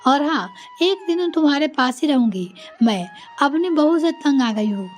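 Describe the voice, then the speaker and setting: A woman's voice: high-pitched, lively intonation, moderate pace, faint music behind. A woman voicing an older mother-in-law who complains about her daughter-in-law, reading a storybook tale. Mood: scolding. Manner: complaining, scolding. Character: older mother-in-law, sharp-tongued, later remorseful.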